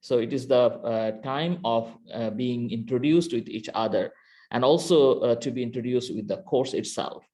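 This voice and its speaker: A university lecturer from Bangladesh, with a Bangladeshi accent, teaches an online class through a computer mic on a video call. His mid-range, mellow voice moves at normal speed, but he speaks hesitantly, full of fillers and restarts.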